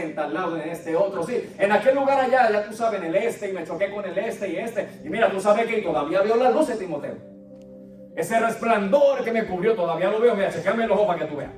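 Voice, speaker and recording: A man's voice: high voice, roomy sound, far from the mic, lightly acted. Man doing a slangy Puerto Rican Paul. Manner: streetwise, buddy-like slang.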